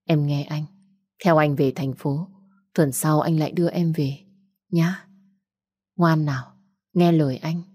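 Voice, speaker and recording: A woman voicing a caring young man who gently coaxes and protects his grieving girlfriend. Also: sits low, steady tone, unhurried, long pauses, breathy edge, no echo, studio quality. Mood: coaxing. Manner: coaxing, protective.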